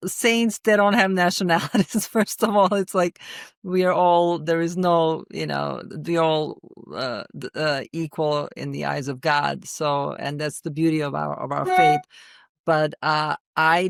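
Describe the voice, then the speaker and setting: A Serbian filmmaker, a woman with a Serbian accent, is interviewed as a guest, frequently hesitating, restarting and repeating words. Her voice is deep with vocal fry, captured at studio quality with no echo.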